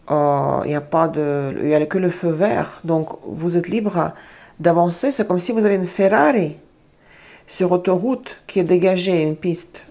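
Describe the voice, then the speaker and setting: Her voice on the low side, creaky and mellow, a tarot reader chats her way through a relaxed reading. She often gropes for the right word and says things more than once.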